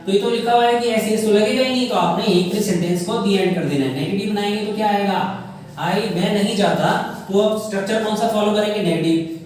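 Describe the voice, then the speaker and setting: A man's voice: high voice, a little fast, a little mellow. A male English grammar teacher, explaining rules step by step in a classroom-style lesson and calling his viewers children. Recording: very echoey room, far from mic, faint noise.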